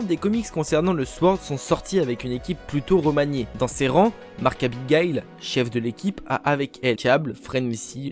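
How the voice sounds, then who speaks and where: A man's voice: mid-range voice, a little mellow. A man narrating a scripted explainer video, speaking directly to his viewers. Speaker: video creator.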